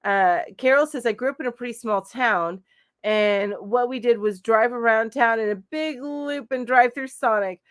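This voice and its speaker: A woman's voice: a little high, normal speed, no echo, clean studio sound. A middle-aged woman hosting a live chat stream from home, casually reading out viewer comments and responding with lots of fillers. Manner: chatty, reads comments aloud with frequent fillers. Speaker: crochet channel host.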